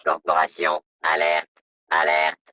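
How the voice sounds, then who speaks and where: An actor voicing a stern male security robot in a video game, through a robotic voice filter, in a flat, monotone, announcement-like delivery. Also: takes it slowly, no echo, studio quality. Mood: cold, commanding. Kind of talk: video game dub dialogue lines.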